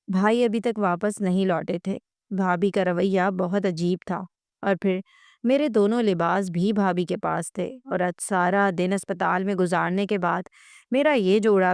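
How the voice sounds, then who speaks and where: Smooth-voiced woman narrating a story. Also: medium pitch, darkish tone, dry recording, studio quality. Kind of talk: scripted first-person story narration.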